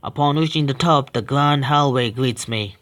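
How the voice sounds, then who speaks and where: A man's voice: mid-range voice, normal speed, a bit bright. A young man streaming a horror visual novel, reading the text aloud with stumbles and breaking off into swearing, joking asides. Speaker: game streamer.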